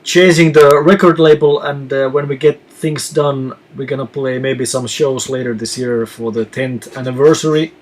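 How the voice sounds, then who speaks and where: A man from Finland who reads out viewer questions and answers them in a relaxed live chat as a touring musician. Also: medium pitch, normal speed, few pauses, slight background noise.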